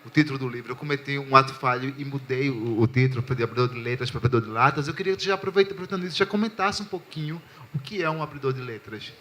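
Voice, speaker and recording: Bright-voiced male panel moderator. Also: mid-range voice, rapid-fire, few pauses. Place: literary festival panel before an audience.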